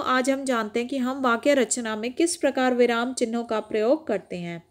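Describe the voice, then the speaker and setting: A young woman with a fairly high voice teaches a children's lesson. She explains patiently and asks the class questions. She goes back over each point slowly.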